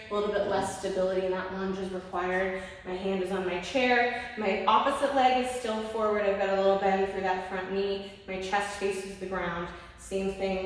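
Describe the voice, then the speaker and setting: A woman's voice: medium pitch, distant mic. A woman fitness instructor leading a workout, cueing moves and counting down, a little out of breath. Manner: encouraging, cueing each move step by step. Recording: echoey room, voice from off-mic.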